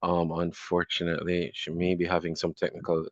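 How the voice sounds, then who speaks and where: A man's voice: deep voice, monotone, a little fast, no room sound, muffled recording. A man organizing an online conference, reassuring the host with hesitant fillers, heard over call audio. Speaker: event organizer. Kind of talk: casual aside.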